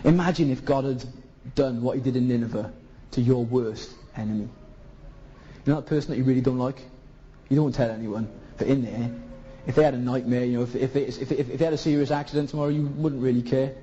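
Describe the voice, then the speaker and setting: A man's voice: medium pitch, steady tone, brisk, dark tone, highs cut off, a little hiss or hum. A man with a Welsh Valleys accent preaching a colloquial sermon, putting rhetorical questions to his listeners. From South Wales valleys.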